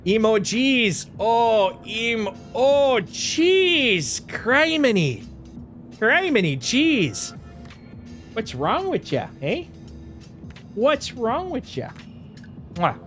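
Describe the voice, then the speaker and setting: Speaking very slowly in a very high voice and pausing often, a male streamer from Wisconsin keeps his live-stream talk casual. The faintly nasal tone and played-up Upper Midwest accent come with plenty of jokes, laughter, and exaggerated folksy exclamations, backed by faint music.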